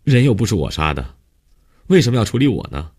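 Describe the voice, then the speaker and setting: A man voicing a stubborn young woman in an audiobook, firing back quick protests at her questioner. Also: low-pitched, sing-song, darkish tone, pitched above the performer's own voice, heavily acted. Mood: defiant. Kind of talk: audiobook character voice.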